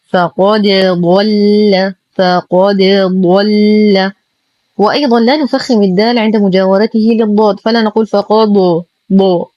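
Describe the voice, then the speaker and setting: A woman's voice: medium pitch, a little mellow, no room sound, lo-fi sound. Precise woman teaching Quran recitation. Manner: precise, slow drawn-out modeling of syllables between brisk explanations. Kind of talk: tajweed lesson with slow model recitation.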